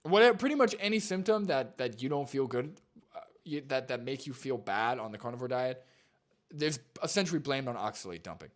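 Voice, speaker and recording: A young male streamer chatting live and reacting to a clip. He rambles, stacking fillers and restarts as he thinks aloud. His voice sits at an ordinary middle pitch. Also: expressive, brisk.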